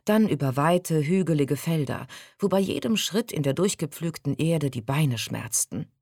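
A woman reading a storybook aloud as narrator, in a calm, expressive reading voice on a close mic. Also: sits low, moderate pace, no echo.

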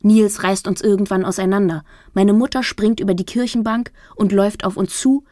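A woman narrating a first-person novel as an audiobook, wry and lively. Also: medium pitch, normal speed, no echo, studio quality.

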